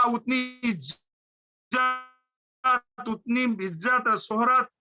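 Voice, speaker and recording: Fervent male motivational speaker, very high and piercingly bright voice, chanting repetition. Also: lo-fi sound. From India. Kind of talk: high-energy motivational speech.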